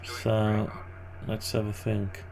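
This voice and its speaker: A man with a groggy, gravelly morning voice and vocal fry endings, giving casual, hesitant think-aloud commentary on his screen work. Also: lowish voice, completely flat delivery, takes it slowly, a crowd in the background. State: groggy morning voice, clearing throat. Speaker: maker narrating a design tutorial.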